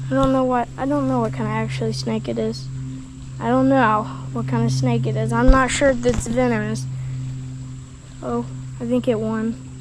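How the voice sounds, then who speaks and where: Excitable high-voiced woman by a creek. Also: a little hiss or hum, low-quality recording. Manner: excitable, exclaiming, talking to camera. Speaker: outdoor vlogger. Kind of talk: casual vlog commentary. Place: outdoors by a creek. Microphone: action camera mic.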